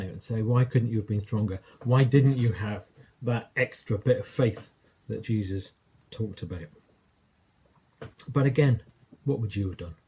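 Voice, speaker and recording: A man's voice: mid-range voice, mellow, breathy edge. A man with an English accent preaching a sermon, telling a story in a conversational way and acting out quoted lines.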